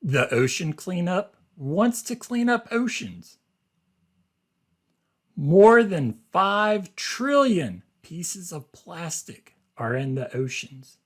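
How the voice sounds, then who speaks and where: This man has a fairly high voice for a male speaker and reads aloud the way a teacher would to a class, very animated. His delivery is very slow and deliberate, built on simple wording and brief explanations.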